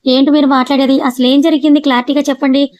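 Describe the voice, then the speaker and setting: A woman's voice: sits high, level tone, fast, darkish tone, no room sound, lightly acted. A woman reading as a flustered young husband. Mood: exasperated. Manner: exasperated, protesting.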